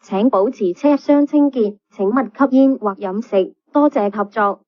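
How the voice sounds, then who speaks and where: A woman reading calm, formal bus announcements played over a PA system. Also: on the high side, measured pace. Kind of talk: scripted public announcement. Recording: dull lo-fi PA playback.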